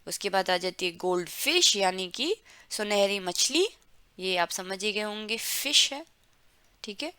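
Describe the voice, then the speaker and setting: A woman teaching German vocabulary to learners, repeating words slowly syllable by syllable for pronunciation drills. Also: mid-range voice, lively intonation, pushed and bright, clean tone, no room sound. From India. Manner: drawn-out, careful word-by-word pronunciation drills. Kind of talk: explaining vocabulary to learners, mixing Hindi and English.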